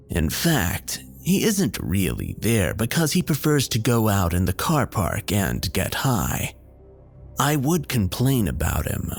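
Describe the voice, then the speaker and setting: A man reads a scary story in a lowish, expressive voice that rises and falls a lot. He keeps a measured storyteller's pace, with faint music playing underneath. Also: gravelly. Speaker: horror story narrator. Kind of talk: scripted narration.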